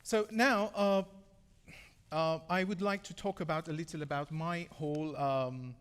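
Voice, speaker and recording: A young Iranian man, an English speaker, gives a measured, earnest talk with frequent pauses. His voice sits fairly high for a man, and a long reverb hangs on it from a large hall. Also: fairly even intonation, a bit bright, smooth. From Iran. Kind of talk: prepared public talk.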